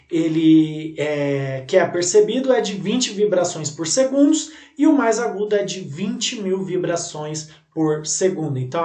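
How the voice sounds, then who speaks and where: A man's voice: sits high, darkish tone. A Brazilian man teaching a recorded video lesson, rambling and using many fillers and tag questions. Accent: Brazilian Portuguese. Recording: roomy sound, voice distant from the mic.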